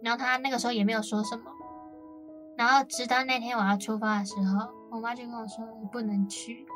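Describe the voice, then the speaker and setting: A young woman from Taiwan co-hosts a casual radio talk show, telling long stories with plenty of fillers. Her voice sits a little high. Background music plays clearly under her. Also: fairly even intonation, quick pace, a bit bright. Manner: chatty storytelling, many fillers. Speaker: co-host.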